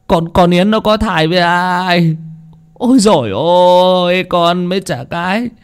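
A man's voice: sits high, unhurried, smooth, voice pushed up. A man voicing an older father, distraught and ashamed, speaking tearfully. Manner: tearful, wailing reproach.

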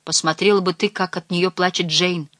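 Woman doing a defiant, wary ten-year-old boy for an audiobook; low-set voice, blunt and grumbling, close dry read. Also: fairly even intonation, moderate pace, a bit bright, no room sound, close to an everyday voice. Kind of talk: audiobook character reading.

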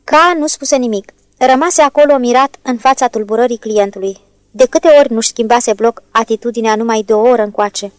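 A woman narrating a classic novel as an audiobook in a steady, measured reading. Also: sits high, no echo. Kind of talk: scripted narration.

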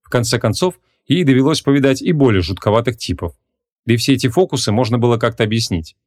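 A man narrating a humorous fantasy audiobook in an expressive, lively storytelling manner. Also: medium pitch, fast talker. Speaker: audiobook reader. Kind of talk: scripted narration.

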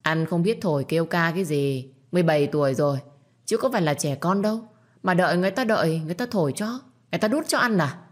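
A woman voicing a spoiled, bratty seventeen-year-old girl who scolds and whines in a sharp tone. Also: fairly low pitch, lively intonation, quick pace. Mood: whiny.

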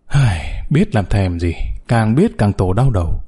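A man's voice: fairly low pitch, sing-song, a little slow, mellow, slightly rough, pitched below the performer's own voice, full character voice. A man voicing a blunt, street-hardened young mother who talks in a coarse, scornful way.

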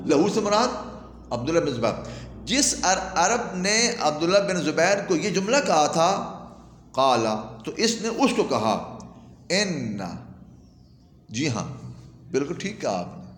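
A man giving a lecture on Arabic grammar, telling an anecdote in a lively way and reciting Arabic phrases before explaining them. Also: on the high side, a little hiss or hum. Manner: animated storyteller who recites Arabic phrases and then glosses them. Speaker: religious teacher. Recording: echoey hall with long reverb.

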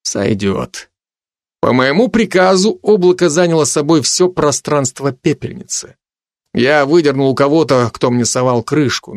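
A man narrating a first-person fantasy audiobook in a measured way, turning stern for commands. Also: mid-range voice, no room sound, studio quality.

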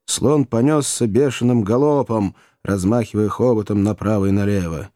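A man reading an adventure novel aloud in an even, descriptive storytelling manner. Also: fairly low pitch, moderate pace, no room sound, studio quality. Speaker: audiobook narrator. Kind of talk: scripted audiobook narration.

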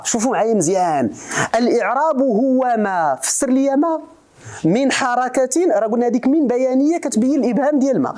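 Moroccan sheikh teaching a class, talks fast, keeps asking the room questions and repeating stuff. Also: male voice, extremely high pitch, a little mellow. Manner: keeps quizzing his students and repeating the point. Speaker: religious scholar teaching grammar. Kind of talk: classroom lecture.

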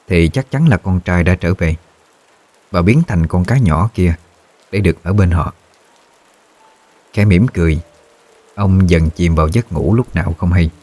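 A man narrating a horror story in a measured, somber storytelling manner. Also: sits low, warm tone.

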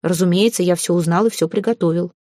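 A woman reading an audiobook, voicing a calm, polite young man who speaks in a composed, formal way. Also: lowish voice, fast, no echo, studio quality, close to an everyday voice.

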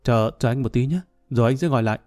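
A man voicing a sly, scheming middle-aged man who brushes off worries in a smooth, dismissive way, in a storybook reading. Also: medium pitch, fast talker, mellow, close to an everyday voice.

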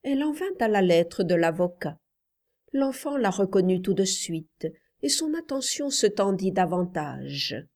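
Slow, deliberate woman narrating. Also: medium pitch. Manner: calm, deliberate reading. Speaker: audiobook reader. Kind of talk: scripted narration.

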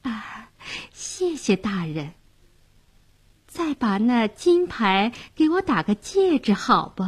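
A cunning young fisherwoman who wheedles in a soft, sugary, coaxing voice, lower and quieter than the telling around her, as a woman storyteller puts her on. The tone is husky and unhurried. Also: sing-song, exaggerated voice. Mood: coaxing, coy. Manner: sweet, coaxing, soft-spoken.

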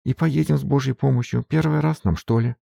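A man's voice: mid-range voice, fairly even intonation, a little fast, vocal fry, dark tone, no room sound, clean studio sound, voice pushed up. A man doing a wailing peasant maid. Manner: wailing, folksy rustic speech. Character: tearful devoted peasant maid, middle-aged woman.

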